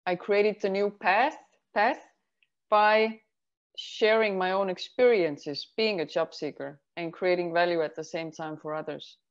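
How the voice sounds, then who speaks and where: A woman from Estonia, a career advisor answering interview questions in a measured way, explaining things step by step. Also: fairly low pitch, steady tone. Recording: slightly muffled sound.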